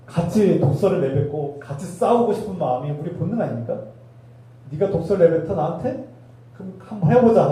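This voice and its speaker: A man's voice: on the high side, mellow. A male pastor preaching a sermon, with rhetorical questions and emphatic repetition. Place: church sanctuary. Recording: echoey hall, voice from a distance.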